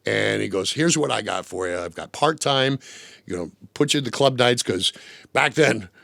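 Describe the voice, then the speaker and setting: Animated gravelly former radio DJ. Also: male voice, lowish voice, moderate pace, no room sound. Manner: animated, acts out voices in anecdotes, laughs often. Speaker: former radio DJ, interview guest. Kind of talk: storytelling interview. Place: radio studio.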